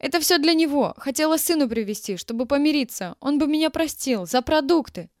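A woman doing a shrill, spiteful old teacher. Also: animated, a little fast, darkish tone, no room sound, clean studio sound. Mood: shrieking. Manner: shrieking, defensive, scornful.

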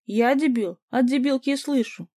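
A woman's voice: high voice, moderate pace, warm tone, no room sound, pitched above the performer's own voice. Woman doing a rude, snapping young man.

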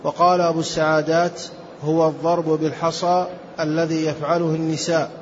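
A student reading a classical text aloud in a steady recitation. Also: male voice, on the high side, a little fast. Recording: dull lo-fi recording with faint hiss.

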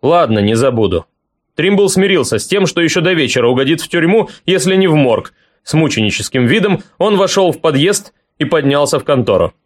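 Male audiobook narrator, higher register, steady read. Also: a little fast. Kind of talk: scripted story narration.

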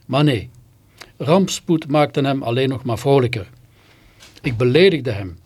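A man's voice: mid-range voice, expressive, measured pace, a little mellow, breathy edge. A man reading a first-person story on literary radio in a theatrical, scornful way, with sudden bitter outbursts.

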